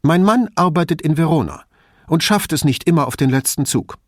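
Male reader doing a tense, prickly woman professor, pitched up high, husky edge, audiobook. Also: animated, no room sound, clean studio sound. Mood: worried. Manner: tense and quick to bristle. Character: middle-aged woman professor, worried, defensive mother.

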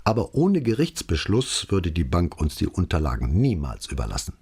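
A man voicing a brisk, capable woman secretary with a matter-of-fact manner. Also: low-pitched, huge pitch swings, darkish tone, slightly rough, exaggerated voice.

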